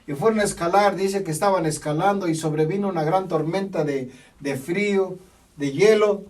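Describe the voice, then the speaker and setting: A man preaching a sermon, emphatic and repetitive, often pausing to say amen. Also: high-pitched, darkish tone. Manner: emphatic, repeats phrases, punctuates with "amén". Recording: voice from a distance from the mic.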